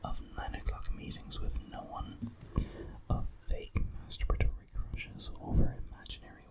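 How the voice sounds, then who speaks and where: Someone reading a horror story in an ASMR whisper, very close to the microphone, right in the listener's ear, with measured pauses.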